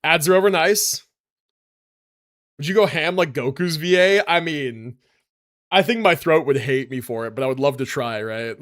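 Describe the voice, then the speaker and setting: A young adult man rambles through a story on a live stream, often adding "right?" and "like" and sometimes slurring his syllables together. His voice is slightly high and a bit bright, moving at a normal speed with long pauses.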